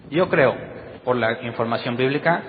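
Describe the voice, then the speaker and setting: A man's voice: mid-range voice, creaky. A man preaching a Bible study sermon, firing questions at his listeners and acting out the voices he quotes. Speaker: pastor. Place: church hall. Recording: long hall reverb, dull sound, faint noise.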